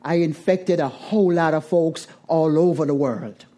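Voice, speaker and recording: At a recovery meeting, a middle-aged Jamaican woman gives a twelve-step talk to the group. Her low-sitting voice is dark and mellow with soft edges. She speaks with deliberate emphasis, returning to phrases to give them weight.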